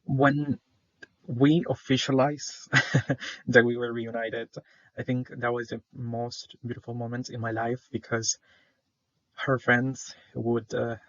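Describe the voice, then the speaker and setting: A hesitant, shy young man from El Salvador gives a class presentation as a student, using many fillers. His voice is medium-pitched and a bit bright, with a level tone and a slow pace. The recording is dull, lo-fi, and dry, with no room sound.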